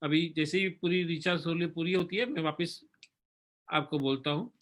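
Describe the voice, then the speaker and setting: A man giving a religious sermon, then slowly reciting a devotional hymn line by line for listeners to repeat. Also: on the high side, fairly bright tone. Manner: earnest, instructive, leads the chant slowly line by line. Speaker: spiritual teacher. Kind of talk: sermon and slow stotra recitation.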